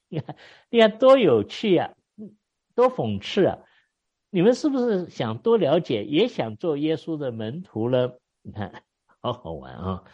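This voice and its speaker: A man preaching an expository sermon, telling the story with lively exclamations and wry asides. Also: a little high, measured pace. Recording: dull lo-fi recording.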